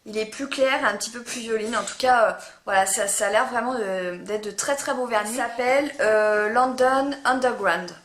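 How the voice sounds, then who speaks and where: Female beauty vlogger, higher-pitched, rambling and hesitant delivery, roomy echo. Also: brisk, few pauses, fairly bright tone. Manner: chatty, hesitant, full of "euh" fillers; stumbles over her words. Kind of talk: casual chat to camera. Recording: echoey room.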